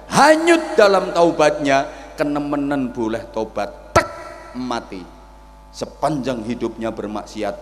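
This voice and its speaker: A man preaching a joking, lively sermon to a village gathering through a microphone. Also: medium pitch. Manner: joking, lively storytelling to the crowd. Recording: reverberant PA with faint noise.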